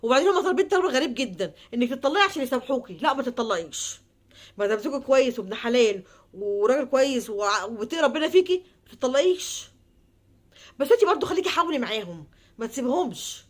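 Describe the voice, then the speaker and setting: An Egyptian woman speaking in a heartfelt, pleading monologue before giving advice, repeating herself and trailing off into soft murmurs. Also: high voice, expressive, fast. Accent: Egyptian Arabic. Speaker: advice vlogger.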